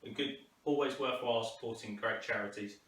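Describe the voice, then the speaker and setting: A fitness instructor coaches a workout to camera, encouraging people and talking them through it in a brisk, slightly bright mid-range voice. The recording sounds roomy, with a distant mic and faint noise.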